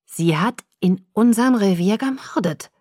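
A woman's voice: mid-range voice, moderate pace, a little mellow, dry recording, clean studio sound, natural voice. A woman voicing a hot-tempered young man who barely holds back his rage, speaking in tense, clipped bursts. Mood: fierce.

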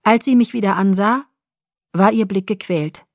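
Female audiobook narrator, mid-pitched, measured storytelling, dry studio sound. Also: darkish tone, no room sound. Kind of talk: first-person audiobook narration.

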